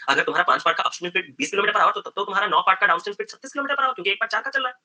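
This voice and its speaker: Fast, bright-voiced male math teacher. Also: sits high. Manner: animated, acts out student dialogues, mixes English terms into Hindi. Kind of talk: live online exam-prep lesson.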